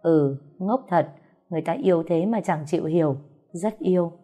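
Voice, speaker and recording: A woman reading a gruff, tender young husband. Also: on the low side, moderate pace, natural voice. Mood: soothing. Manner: scolding then soothing, plain speech. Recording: soft music behind the voice.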